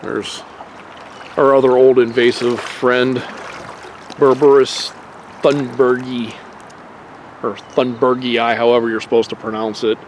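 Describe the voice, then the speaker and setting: A man talks his way through a hike in the woods in a loose, rambling manner, with plenty of fillers and the occasional curse. His voice sits at an ordinary middle pitch. It is captured on a handheld camera outdoors, with a faint hiss of open air and flowing water behind him. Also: rough recording. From Pennsylvania. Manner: relaxed and rambling, with frequent fillers and mild swearing. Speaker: nature vlogger. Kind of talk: casual hiking narration.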